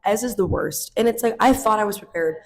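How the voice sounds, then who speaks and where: Ranting woman, mid-pitched. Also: fairly quick. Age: young adult. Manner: exaggerated ranting, playful sarcasm. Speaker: podcast co-host. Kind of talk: casual chat.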